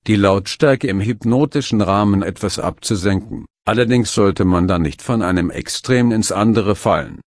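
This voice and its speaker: A man narrating a scripted instructional guide in a calm, measured way. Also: fairly low pitch, no echo, studio quality. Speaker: hypnosis instructor.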